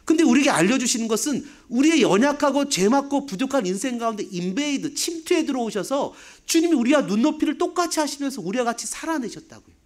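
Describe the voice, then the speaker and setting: A man's voice: very high-pitched, expressive, quick pace, few pauses. A man in his fifties, a pastor, preaching a sermon with rhetorical questions and humorous asides. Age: 50s.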